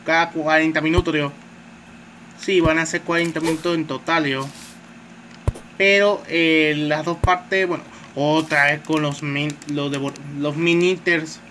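A man's voice: a little high, fairly even intonation, unhurried, bright, forceful tone. Chatty gamer man, noisy recording. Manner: chatty, says "tío" constantly, swears at enemies. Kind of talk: casual gameplay commentary. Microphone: phone mic.

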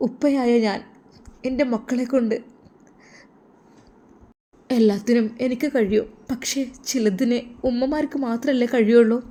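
A woman's voice: fairly high pitch, a little slow, pauses often, dark tone, close to an everyday voice. A woman voicing a grieving adult man, an abandoned father who is crying, with a sorrowful, pleading manner in a storybook. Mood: reproachful. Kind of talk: storybook narration.

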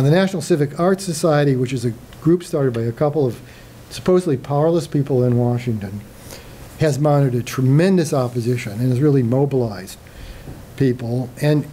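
A man's voice: mid-range voice, warm tone, slight background noise. An older man giving a public lecture with slides, speaking conversationally with frequent fillers and restarts. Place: lecture hall.

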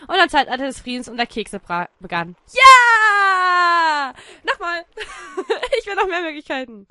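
German-accented woman gaming host, playful and goofy, high and sharp in tone. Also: very animated, quick pace, no room sound. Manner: silly, bursts of shouting, narrates in mock-story tone. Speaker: gaming YouTuber. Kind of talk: playful let's-play commentary.

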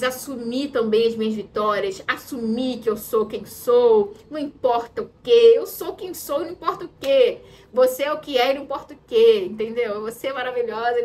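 A woman's voice: on the high side, a little hiss or hum. A Brazilian woman giving an emphatic motivational talk as a mentor, repeating her key phrases for stress. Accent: Brazilian Portuguese. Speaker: women's mentor.

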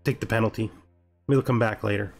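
Talking to himself as he plays, this gaming video host offers casual strategy-game commentary over background music. He has a lowish, gravelly voice, a fairly even intonation, and a fairly quick pace.

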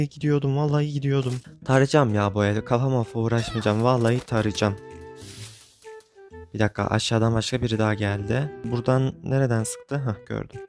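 Young gaming creator, irritable running commentary, mid-pitched, faint music under. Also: male voice. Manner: exasperated, grumbling, venting at the game. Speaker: gaming YouTuber. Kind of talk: frustrated live game commentary.

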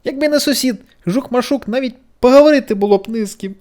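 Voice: mid-range voice, sing-song, a little slow, pitched above the performer's own voice. A storyteller voicing a fretful, chatty female caterpillar who complains and whines in a bedtime story. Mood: whiny. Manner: whiny, tearful complaining. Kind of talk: storybook character voice.

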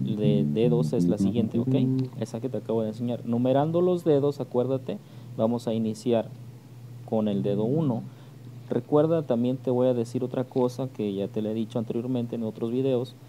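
A man with a Mexican accent teaching bass guitar step by step, patient and often checking in with "ok?". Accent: Mexican Spanish. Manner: patient, repeats "¿ok?" to check understanding. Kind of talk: step-by-step music tutorial. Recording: loud bass playing behind the voice.

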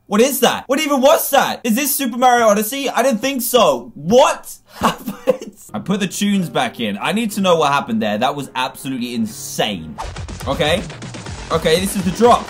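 A young man commentating his own gameplay with huge swings in pitch, one moment muttering and the next yelping. He shouts at his fails and cheers his wins. Faint game music plays behind him. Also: big pitch swings, normal speed. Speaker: gaming YouTuber.

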